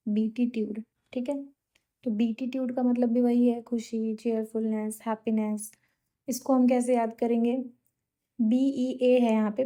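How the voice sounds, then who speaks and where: Woman tutor, UP–Bihar accent, patient explainer, pitched a little high. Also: warm tone. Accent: Uttar Pradesh–Bihar Hindi. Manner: explains patiently, checks in with "theek hai?". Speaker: exam vocabulary teacher. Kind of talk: casual Hindi-English tutorial.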